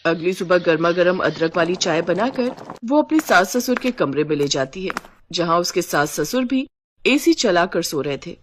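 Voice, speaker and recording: A woman narrating an animated family story in a brisk storytelling way. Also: on the low side, a little hiss or hum.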